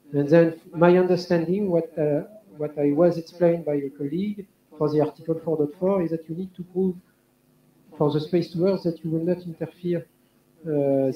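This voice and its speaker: A man on a conference panel answering hesitantly, stumbling and repeating words. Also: a little high. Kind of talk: panel discussion. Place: large conference hall on stage. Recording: dull echoey hall sound.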